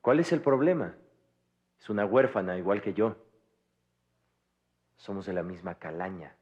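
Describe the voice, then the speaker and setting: An actor playing a proud, bitter orphaned young man in a 1990s Mexican telenovela, speaking gravely with a Mexican Spanish accent. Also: fairly low pitch, animated. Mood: defiant. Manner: grave, bitter, measured delivery. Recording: dull lo-fi TV audio, faint score.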